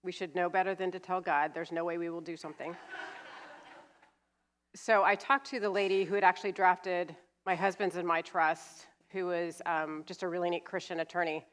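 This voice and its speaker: Speaking into a handheld mic in a church hall, a Californian woman in her fifties, an estate planning attorney and guest speaker, delivers a seminar despite a cold that leaves her sniffly. Her pitch is fairly low with little movement, and she keeps a moderate pace, explaining plainly with occasional fillers.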